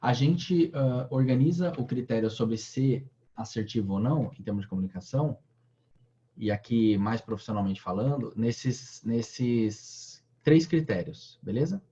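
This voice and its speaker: A man's voice: medium pitch, measured pace, mellow, a little hiss or hum. Hesitant man on a muffled call. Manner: hesitant, many restarts and fillers. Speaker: trainer. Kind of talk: casual online training talk.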